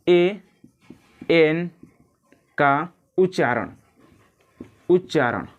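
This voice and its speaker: Repetitive grammar teacher. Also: male voice, sits high. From India. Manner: repetitive, drills words slowly, addresses viewers as friends. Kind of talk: classroom-style lesson.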